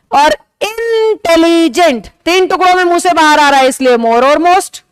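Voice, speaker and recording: A high-pitched woman teacher leads a classroom grammar lesson in a close, dry-sounding recording. She explains patiently, keeps checking whether her students follow, and draws out the key example words slowly for emphasis. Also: a bit bright, no room sound. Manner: explains patiently, checks understanding with rhetorical questions. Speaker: English teacher. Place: classroom with a board.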